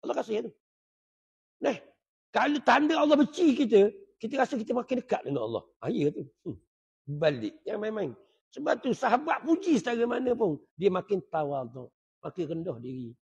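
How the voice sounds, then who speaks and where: A man's voice: high-pitched, sing-song, brisk, a little mellow, husky. A man giving a conversational religious lesson, often checking with his listeners. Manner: conversational, keeps asking the audience "right?". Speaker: religious teacher. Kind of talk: sermon. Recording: dull lo-fi recording.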